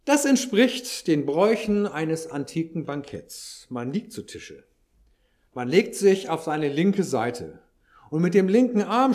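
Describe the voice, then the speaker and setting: Male preacher, sermon delivery, unhurried, explains with dry asides. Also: fairly high pitch, darkish tone. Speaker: pastor.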